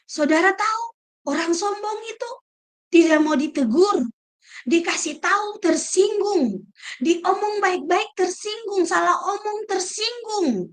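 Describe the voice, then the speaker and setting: A woman preaching a sermon in an emphatic, lively way, acting out quoted speech. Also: very high voice, a little slow. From Indonesia.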